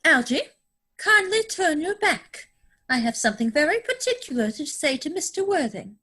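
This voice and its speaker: A woman's voice: high-pitched, very animated, normal speed, bright, forceful tone, full character voice. A woman acting a self-assured, romantic young society lady in a Victorian stage comedy, with precise, haughty declamation, recorded at home over a video call. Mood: dramatic. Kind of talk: stage comedy dramatic reading.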